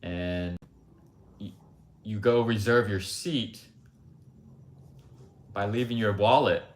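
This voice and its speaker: A fairly low-pitched American man hosts a livestream at a slow pace, delivering a casual monologue that is blunt, rambling and opinionated, full of asides. The recording has a roomy echo.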